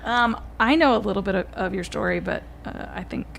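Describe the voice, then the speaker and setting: A woman's voice: medium pitch, fairly quick, gravelly, a bit bright, a little hiss or hum. A woman hosting a podcast, asking questions in a friendly way and laughing easily. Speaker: podcast host. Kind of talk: conversational interview.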